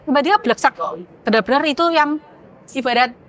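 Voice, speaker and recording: A woman, sharing a candid personal testimony as a podcast guest. She speaks emotionally and haltingly, often searching for words. She sounds teary-eyed. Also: high voice, fairly bright tone.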